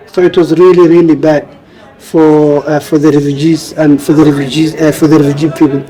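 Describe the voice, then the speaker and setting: An interview guest speaking with a Somali accent, this author and refugee advocate was born in Somalia and raised in Kenya. His voice is on the high side, level and warm, and a little fast as he earnestly explains and repeats phrases to stress them. The recording is low quality.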